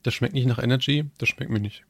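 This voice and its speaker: A man's voice: mid-range voice, fast talker, fairly bright tone, dry recording. A young man co-hosting a podcast, teasing his partner with dry remarks, crude jokes and short interjections. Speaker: podcast co-host. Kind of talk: casual chat.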